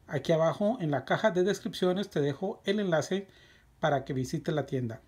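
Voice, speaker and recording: Language-lesson teacher: husky, unhurried delivery, with each practice question raised in pitch. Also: darkish tone. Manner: repeats drill phrases, lifts pitch on each question. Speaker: Spanish teacher. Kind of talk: slow, deliberate language lesson.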